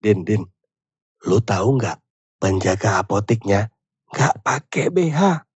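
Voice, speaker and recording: A man's voice: fairly low pitch, sing-song, slow pace, darkish tone, husky, dry recording, exaggerated voice. A man voicing a sly prankster friend who talks in a conspiratorial, slangy way.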